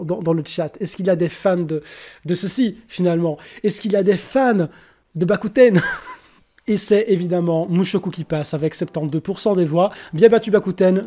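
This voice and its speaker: A young man hosting a live-streamed anime vote, casual and slangy, with bursts of excitement. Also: sits high. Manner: excitable, slangy, mixes English exclamations.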